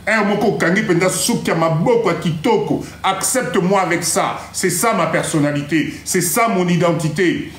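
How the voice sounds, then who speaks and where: A man with a fairly high voice hosts a motivational live stream. He talks in an animated way, drops into Lingala, and mimics other people. The sound is roomy and echoey. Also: normal speed, hardly any pauses, slight background noise. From Congo-Kinshasa. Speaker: live stream host giving motivational advice.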